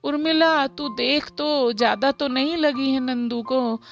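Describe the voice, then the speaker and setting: A woman voicing an elderly grandmother in a spoken story, talking in a slow, drawn-out, quavering way. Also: high-pitched, gravelly, highs cut off. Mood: worried. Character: elderly grandmother with aching knees, fond and shy. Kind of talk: storybook voice acting.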